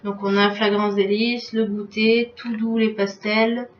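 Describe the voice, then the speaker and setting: A woman's voice: mid-range voice, little pitch movement, unhurried, a little hiss or hum. A woman vlogger chatting casually through a beauty box unboxing, filling her talk with little filler words, recorded on a webcam at home. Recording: roomy, distant, dull webcam sound.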